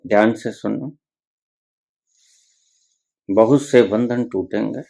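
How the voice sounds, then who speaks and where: A man's voice: lowish voice, takes it slowly, vocal fry, warm tone. A man giving a spiritual discourse, reciting scripture verses and explaining them with rising emphasis. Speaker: spiritual teacher.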